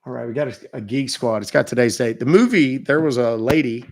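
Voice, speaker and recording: A man's voice: mid-range voice, a little fast, vocal fry. Brief: casual male streamer, talks straight to chat, loose and rambling. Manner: chatty, thanks viewers, rambling asides. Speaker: scam-baiting livestream host.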